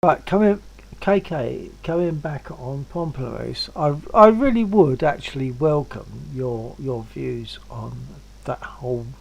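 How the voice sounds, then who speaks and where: A man's voice: medium pitch, unhurried, creaky, breathy edge, poor audio. A man chatting casually on a livestream, wordy and self-deprecating. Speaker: stream guest.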